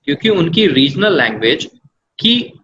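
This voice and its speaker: A man's voice: a little high, big pitch swings, measured pace, a bit bright, a little hiss or hum, poor audio. A man working as an English language trainer, explaining patiently with examples and mixing English words into his Hindi. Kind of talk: explanatory interview answers.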